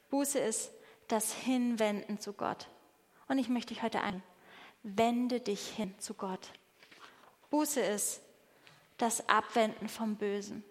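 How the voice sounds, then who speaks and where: A woman preaching a sermon with fervent emphasis and soft, hushed appeals, addressing a congregation in a church. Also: on the high side. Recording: reverberant hall.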